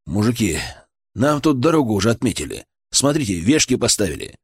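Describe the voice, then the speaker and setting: Weary, calm male village leader in an audiobook, quiet and matter-of-fact, dry close sound, read by a man. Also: medium pitch, a little fast, husky, no echo.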